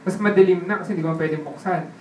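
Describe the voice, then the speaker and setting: A man telling his life story in a casual way, laughing often and checking in with the listener through quick tag questions. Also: high voice, a little mellow, a little hiss or hum. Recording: roomy sound from a distant mic with faint ambience.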